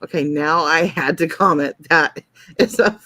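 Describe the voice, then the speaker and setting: On a casual late-night livestream, a woman host with a deep, sharp-toned voice chats unhurriedly, telling stories and reading out and reacting to chat comments. The recording is dry.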